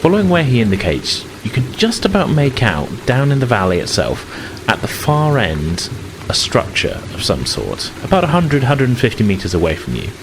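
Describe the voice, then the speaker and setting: A game master narrates a tabletop roleplaying game at medium pitch, his voice swooping wildly at a moderate pace, sounding conversational and a little hesitant as he improvises. The background is noisy, with loud music and rain ambience.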